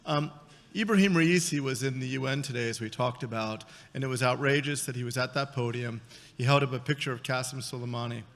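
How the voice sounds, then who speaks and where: A middle-aged man stands at a conference lectern and delivers a formal, earnest, emphatic introduction for a speaker, repeating words as he goes. His medium-pitched voice is a bit bright, fairly even in intonation, and fairly quick. The lectern mic picks up reverb from the large hall's stage.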